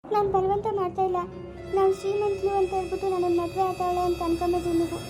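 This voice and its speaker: A woman's voice: very high-pitched, completely flat delivery, fast talker, over music. A woman playing a poor, orphaned village woman in her thirties, pleading and tearful in a family drama. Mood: shy hopeful. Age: 30s.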